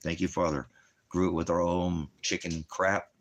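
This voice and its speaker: A low-voiced man speaks in a level tone at normal speed. As a ministry teacher and livestream host, he rambles through Bible teaching from a fireplace-side spot at home, addressing commenters bluntly and challengingly and often supplying answers to his own questions.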